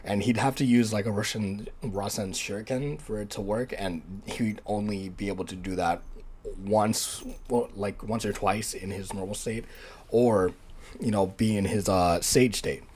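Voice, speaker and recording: A man's voice: lowish voice, fairly even intonation, a little slow, a little mellow, slight background noise. A young man hosting his own vlog, rambling casually with lots of fillers and "right?", sounding tired after a nap. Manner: rambling, many fillers and restarts, asks "right?" often. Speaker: channel host.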